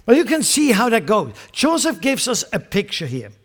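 A man from Switzerland preaching a sermon, emphatic and joking, dropping from loud stressed lines to quiet asides. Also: sits high, huge pitch swings, normal speed. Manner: joking, chuckles at his own remarks.

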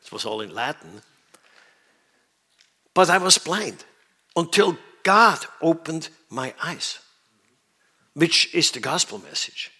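Man, from Switzerland, preacher, sermon, bright forceful voice, emphatic, asks the audience questions. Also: on the high side, animated, takes it slowly, pauses often, husky.

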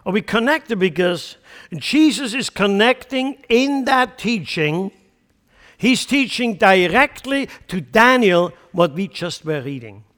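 This central Swiss pastor, with his Swiss German accent, preaches slowly and animatedly, pressing his points through emphatic rhetorical questions. His high, slightly bright voice trails off into long reverb.

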